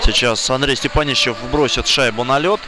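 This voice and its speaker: A man giving live ice hockey play-by-play, thinking aloud in broken, pausing phrases. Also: mid-range voice. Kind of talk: live play-by-play sports commentary. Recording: loud background noise of a rink. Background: indoor ice rink ambience.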